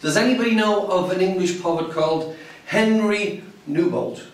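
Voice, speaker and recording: Heard from a distance in a very echoey club meeting room, a high-pitched man speaks at normal speed. His prepared speech to the club audience is theatrical, wry and emphatic.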